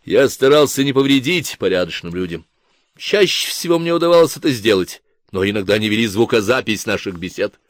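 A man's voice: lowish voice, expressive, fairly quick, no echo, studio quality, natural voice. A man voicing an agitated male artist confessing and justifying himself in a radio interview. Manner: agitated, self-justifying, emphatic.

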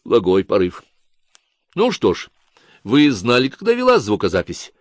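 Brief: audiobook figure, soft-spoken radio interviewer, read by a man, cool and clinical, lower and quiet, dry close sound. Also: no room sound. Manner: calm, measured, soft, like a psychiatrist.

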